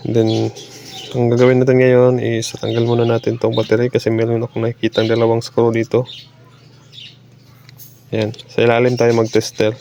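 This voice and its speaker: A Filipino repair technician narrates a hands-on fix as he works, speaking casually and haltingly in Tagalog mixed with English technical terms. His medium-pitched voice is warm but completely flat in delivery. The lo-fi audio sounds dull, with faint background noise.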